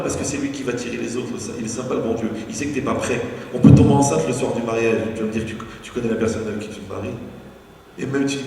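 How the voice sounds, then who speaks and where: A man, a rabbi, giving an animated, joking lecture sprinkled with Hebrew terms. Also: mid-range voice, gravelly. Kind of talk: humorous spoken lecture. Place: lecture hall. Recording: echoey hall from far off, faint noise.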